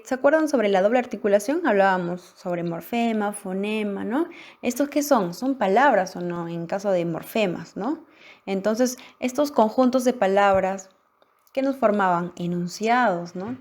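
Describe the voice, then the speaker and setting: A woman's voice: mid-range voice, animated, darkish tone. A woman teacher going through practice exam questions, asking the class for each answer and affirming it. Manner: questioning, pausing for answers, affirming "muy bien". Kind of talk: guided exam-practice lesson.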